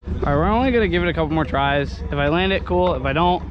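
Young male vlogger, casual and excitable, action-camera mic at an outdoor skatepark with heavy background noise. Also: on the high side, fast talker, dull audio. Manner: excitable, swears, laughs at himself. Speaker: scooter rider filming himself. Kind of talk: casual self-filmed vlog commentary. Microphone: action camera on handlebars. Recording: noisy outdoor camera audio.

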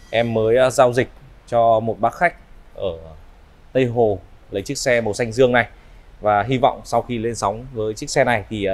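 A man in his thirties with a northern Vietnamese accent gives an unscripted used-car sales walkaround in smooth, polite, repetitive patter. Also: mid-range voice. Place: large indoor car showroom. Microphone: clip-on lapel mic.

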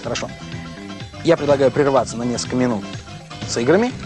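A man in his thirties presenting a TV show and interviewing guests in a jokey, theatrical way, with a husky voice. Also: mid-range voice, fast talker, music in the background. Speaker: TV show host. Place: small TV studio.

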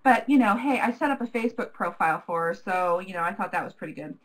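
A woman's voice: medium pitch, lively intonation, fast talker, poor audio. A woman giving a live craft tutorial in a chatty, jokey manner with frequent fillers. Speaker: craft demonstrator.

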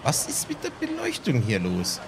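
This let's play gamer speaks at normal speed in a fairly high voice whose pitch swoops wildly, with a noisy background and game music underneath. He chats to himself while playing, musing and making self-deprecating jokes.

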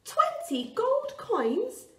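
A woman teacher voicing an eager young boy who is easily excited. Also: a little high, normal speed, gravelly, roomy sound, far from the mic, pitched below the performer's own voice.

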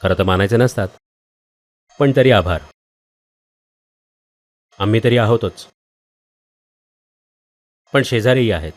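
A man's voice: lowish voice, slow pace, pauses often. An actor playing a man who formally and solemnly addresses a gathering of mourners.

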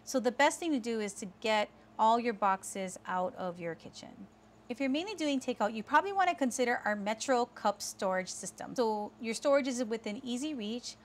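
A woman, presenting kitchen storage products to camera in a clear, instructive way from a small indoor studio set. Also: a little high, lively intonation, moderate pace. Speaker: sales rep presenting products. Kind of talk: scripted product explainer.

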